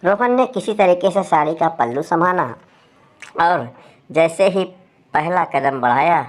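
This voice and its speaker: A woman telling a story aloud with a steady, expressive read. Her voice sits low for a woman. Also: unhurried. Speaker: story narrator. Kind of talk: storytelling narration.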